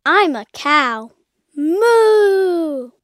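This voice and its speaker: Squeaky little animals from a children's picture book, as a woman puts them on, chirping in a very high, sing-song voice. The lines are drawn out slowly and bounce up and down in pitch. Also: sing-song, full character voice. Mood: playful.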